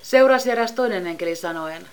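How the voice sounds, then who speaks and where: A woman giving a measured, solemn scripted Bible reading. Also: on the low side, animated, clear, resonant tone. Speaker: scripture reader.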